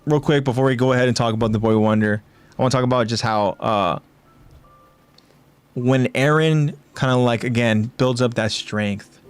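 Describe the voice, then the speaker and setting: A man's voice: medium pitch, normal speed, smooth, soft background music. Rambling man breaking down an episode. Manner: rambling, repeats words, laughs often. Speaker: podcast co-host. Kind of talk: casual chat.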